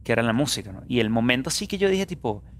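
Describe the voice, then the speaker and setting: A young man from Venezuela, a guest musician in a casual interview, telling animated stories full of fillers. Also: mid-range voice, quick pace. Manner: animated storyteller, many fillers.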